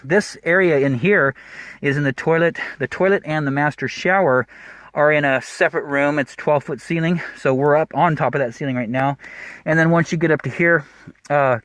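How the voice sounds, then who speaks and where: A man's voice: on the high side, a bit bright, no echo. A man, a plumbing contractor, giving a casual, rambling job-site walkthrough in a cramped attic, out of breath behind a mask. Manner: quick, rambling, with fillers and restarts.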